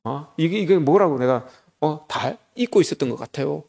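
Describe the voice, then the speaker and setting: A man's voice: fairly high pitch, expressive, normal speed, vocal fry, darkish tone, husky, heavily acted. A man voicing an elderly church deaconess who pleads in a frantic, emotional way. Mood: tearful.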